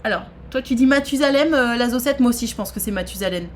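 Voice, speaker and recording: A woman, hosting a trivia quiz on a live stream and chatting with her viewers in a lively, exclamatory way. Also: on the high side, fast talker, a little hiss or hum. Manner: animated, exclaims and reads questions aloud to chat. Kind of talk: casual live-stream chat.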